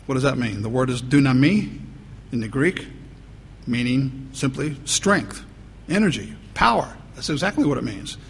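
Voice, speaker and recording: Gravelly-voiced male pastor in a reverberant church. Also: mid-range voice, expressive, normal speed. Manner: conversational preaching, repeats phrases for emphasis. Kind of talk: sermon. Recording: long church reverb, faint noise.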